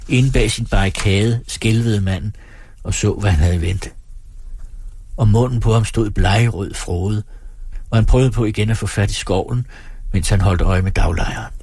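A man narrating an audiobook in a steady, measured reading voice, close to the mic. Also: on the low side, husky, no echo.

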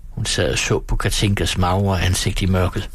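A man reading a novel aloud as an audiobook narrator, calm and steady. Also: sits low, a little hiss or hum. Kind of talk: scripted narration.

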